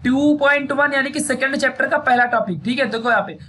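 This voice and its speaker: A man's voice: very high-pitched, brisk, sharp tone, slight background noise. A man teaching a casual syllabus walkthrough, chatty and repetitive, speaking. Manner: chatty, repeats "theek hai" often.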